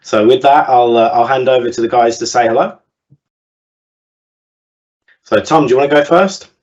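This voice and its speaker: A man's voice: mid-range voice, normal speed, a little mellow. Upbeat male webinar host. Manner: upbeat presenter with frequent fillers. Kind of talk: hosting a webinar. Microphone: video call. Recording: lo-fi webinar call audio.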